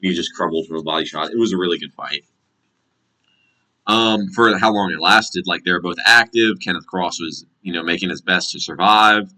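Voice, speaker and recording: A man with an American accent and a low, forceful voice. He talks like a casual sports vlogger breaking down fights, blunt and full of slang and swearing. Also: moderate pace, low-quality recording. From United States. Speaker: MMA commentator and predictor. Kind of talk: casual fight recap and prediction vlog.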